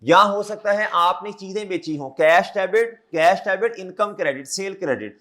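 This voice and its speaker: A man's voice: high voice, normal speed, a bit bright. A man with a sore throat, giving a classroom accounting lecture and repeating his questions back to the students.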